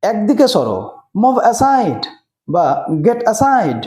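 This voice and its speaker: A man teaches spoken English. He speaks slowly and repeats each English phrase twice, his pitch rising and falling a lot. The recording has a roomy echo. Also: wildly swooping pitch, darkish tone.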